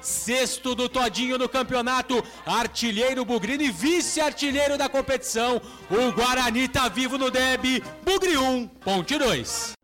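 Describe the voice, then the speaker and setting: A man's voice: very high-pitched, measured pace, fairly bright tone. A Brazilian man giving descriptive football match commentary as a radio reporter. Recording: radio broadcast with faint music. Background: faint music.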